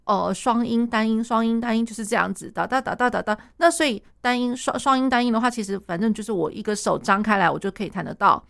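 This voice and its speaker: A woman with a Taiwanese Mandarin accent teaches piano in a lively chat. Her voice sits fairly high with a gravelly fry, and she sings and scats the notes as she explains. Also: fast, few pauses. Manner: laughs often.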